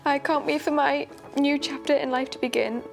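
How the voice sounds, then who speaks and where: A woman's voice: high-pitched, steady tone, normal speed, vocal fry, soft background music. A young woman, reading an earnest, emotional speech to her family. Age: young adult.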